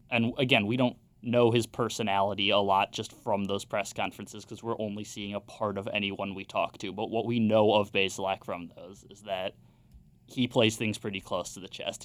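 A young man on a sports podcast, calmly analyzing a college football team. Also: on the low side, no echo. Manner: measured, analytical. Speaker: podcast co-host, sports reporter.

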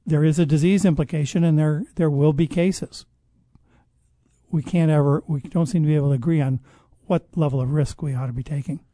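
Mellow-voiced man explaining at length. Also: a little high, fairly even intonation, dry recording. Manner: measured, explanatory, with frequent restarts. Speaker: guest expert on public health. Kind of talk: conversational interview answers.

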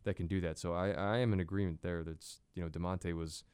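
A man's voice: deep voice, steady tone, brisk, a little mellow, smooth, no echo. A man giving casual, conversational basketball analysis, often repeating words as he goes. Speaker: sports analyst. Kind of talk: casual postgame discussion.

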